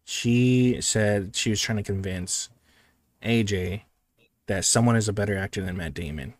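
A laid-back young man chatting on a movie podcast, trading rambling jokes. His voice sits a bit low, recorded close and dry with no room sound at all. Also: measured pace, dry recording. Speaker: podcast co-host. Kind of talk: casual chat.

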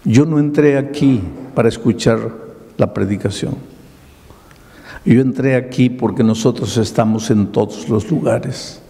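A man voicing a remorseful male terrorist who confesses slowly and pleadingly, in a long hall reverb. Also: mid-range voice, warm tone, natural voice. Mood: defiant.

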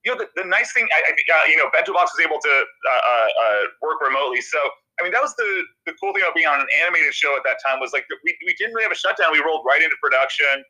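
A TV comedy writer in his thirties appears as a guest in a casual podcast interview, his nasal, very bright voice sitting slightly high with lively intonation. He speaks haltingly, stumbling through fillers and restarting sentences, and the poor audio has a radio-like quality.

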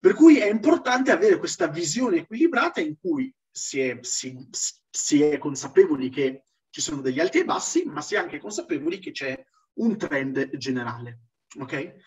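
A man's voice: a little high, big pitch swings, normal speed. A man giving an informal online lecture in an explanatory, emphatic way, like a teacher who keeps checking that listeners follow. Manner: didactic, emphatic, often checking with "ok?". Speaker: lecturer in a religious history seminar. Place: live online seminar with chat. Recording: dull distant lo-fi microphone.

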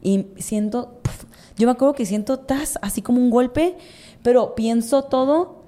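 A woman's voice: a little high, a little slow, mellow. A young woman with a Mexican accent, telling a story in a casual, slangy podcast chat, with lots of repetition. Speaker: podcast co-host.

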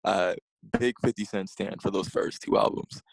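A man's voice: sits low, normal speed, gravelly, no echo, rough recording. A man, a guest chatting casually and laid-back, with a self-deprecating manner. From Queens, New York. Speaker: guest, music blogger. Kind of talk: casual interview chat.

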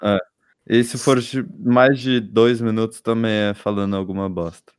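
A man's voice: fairly low pitch, fairly even intonation, normal speed, clear, resonant tone, no room sound, studio quality. A young man with a Brazilian Portuguese accent in casual podcast chat, slangy and teasing. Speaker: podcast participant.

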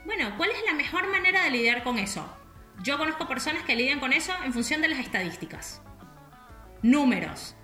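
A woman's voice: high-pitched, big pitch swings, fairly quick, bright, forceful tone. A woman with a Rioplatense Spanish accent, chatting in a casual, reflective way and full of little fillers as she thinks aloud. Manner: chatty, with many "o sea" and "no sé" fillers. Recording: echoey room, faint music.

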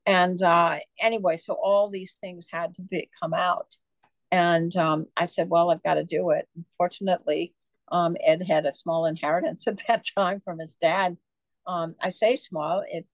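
With a fairly low, gravelly voice and no echo, a woman author talks in a casual interview. She's chatty and prone to digressions, spinning long, meandering stories peppered with fillers.

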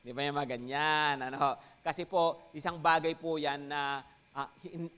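Man, Filipino accent, pastor, sermon, high voice, emphatic bursts, frequent check-ins. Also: measured pace, clean tone. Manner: mixes Tagalog and English, frequent "no?" and "Amen?" check-ins; lively, rising emphasis on key words.

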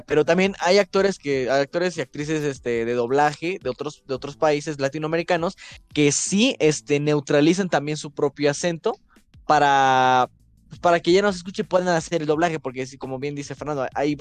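A man's voice: fairly high pitch, no room sound. A man with a Mexican accent, an actor, explaining things in casual podcast talk with frequent hesitant fillers. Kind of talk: casual chat.

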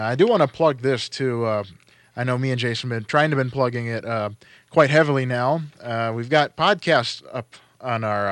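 A man's voice: mid-range voice, no echo. A man hosting a radio call-in show in a casual, unscripted, informal way.

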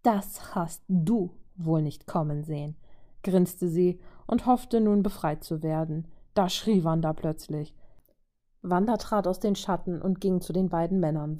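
A woman reading a fan-fiction story aloud in German with a steady storytelling delivery. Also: lowish voice. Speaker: reader.

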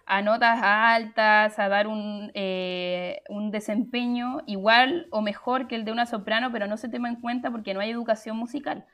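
A woman's voice: on the high side, fairly even intonation, moderate pace, few pauses, a bit bright. A young woman hosts a live stream, explaining her points chattily and answering the chat, with frequent fillers and restarts.

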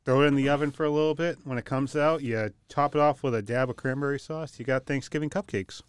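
A man's voice: mid-range voice, fast talker, clear, resonant tone, no echo. A male guest on a sports podcast, talking in an easygoing way and explaining things step by step. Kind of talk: casual sports podcast chat.

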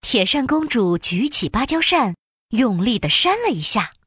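A woman narrating a children's storybook in an expressive, sing-song storytelling way. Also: a little high, moderate pace, breathy edge, no room sound, clean studio sound.

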